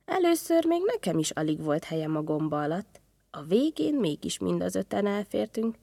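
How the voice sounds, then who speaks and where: A woman's voice: on the low side, big pitch swings, vocal fry, mellow, no room sound, exaggerated voice. Woman doing a wondering little ant.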